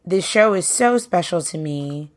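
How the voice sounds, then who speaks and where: A young Brooklyn woman with a fairly low, animated voice talks at a measured pace on her own podcast. Singer, bandleader and host, she keeps the solo monologue casual, upbeat and chatty, peppered with "you know."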